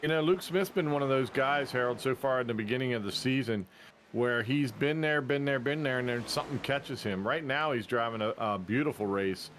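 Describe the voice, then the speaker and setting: A man calling a race in casual play-by-play. He is chatty and jokey, with quick bursts of excitement. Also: medium pitch, a little hiss or hum. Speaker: race commentator.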